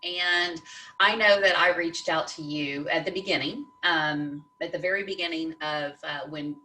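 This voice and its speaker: Lively woman host, echoey distant sound. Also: sits low, moderate pace, a little hiss or hum. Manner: animated storytelling with frequent laughs. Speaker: podcast host. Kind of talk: casual conversational interview.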